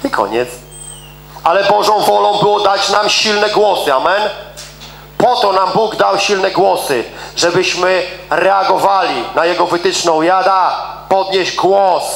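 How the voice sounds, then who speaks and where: A middle-aged man preaching a sermon with emphasis, repeating words for stress and swinging between fast and slow delivery. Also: high voice, creaky, fairly bright tone, reverberant, slight background noise, rough recording.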